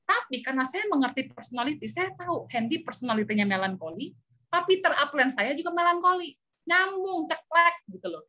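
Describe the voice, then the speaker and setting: A woman hosting an online business talk, telling stories in an animated, chatty way to her audience. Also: high-pitched, fairly quick, lo-fi sound. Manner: animated storytelling with chatty asides. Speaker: business mentor and webinar host.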